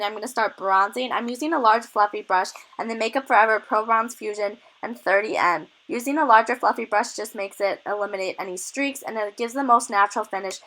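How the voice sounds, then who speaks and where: Her voice a little high and sharp, a young woman with a cold and slightly short of breath chats excitedly through a makeup tutorial as a beauty vlogger, full of product tips. The audio is poor.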